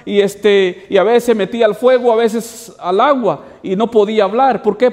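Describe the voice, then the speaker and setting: A man with a high, slightly mellow voice preaches as a pastor, delivering a sermon full of rhetorical questions and repeated "hermanos" asides calling the congregation brothers. The recording carries long hall reverb.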